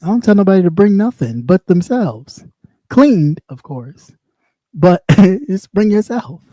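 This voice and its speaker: Sitting high and very animated, this warm male voice keeps a measured pace with no echo. The former radio host, now live streaming, rants in his light voice, blunt, sassy and casual, going round in loops and repeating himself.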